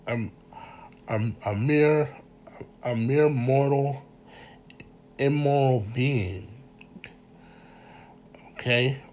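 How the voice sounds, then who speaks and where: A man with a congested voice giving an informal mini lecture, halting and repeating words as he speaks earnestly to his listeners. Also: mid-range voice, dark tone. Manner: earnest, addresses listeners directly. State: congested from a cold.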